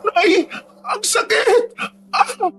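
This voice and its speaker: A man's voice: extremely high pitch, drawn-out words, creaky, a bit bright, voice pushed up, exaggerated voice. A man voicing a frightened young pregnant wife in pain who cries and pleads, in a horror story. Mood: crying out. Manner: crying, pleading.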